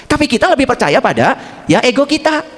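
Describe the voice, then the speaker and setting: Speaking at an extremely high pitch and a fairly quick clip, this middle-aged religious teacher delivers a casual sermon. He animatedly quizzes the congregation and performs small dialogues, and the recording carries a long hall reverb.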